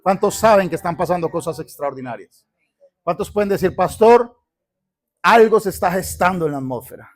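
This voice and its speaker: This high, expressive male voice belongs to a Colombian pastor preaching passionately and calling on his congregation to repeat after him. At a moderate pace, he mixes sermon and church announcements inside a church sanctuary.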